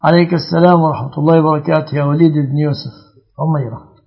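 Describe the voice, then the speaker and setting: A religious scholar answers callers' questions in a call-in fatwa program, speaking formal classical Arabic and laying out rulings point by point. His voice is fairly high and gravelly, with fairly even intonation and a fast delivery, and the sound is lo-fi.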